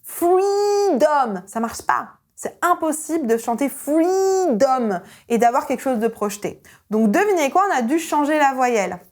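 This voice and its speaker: A young adult woman teaching an online singing lesson as a vocal coach, energetic and emphatic. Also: high voice, a little fast. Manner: energetic and emphatic, with sung vowel demonstrations.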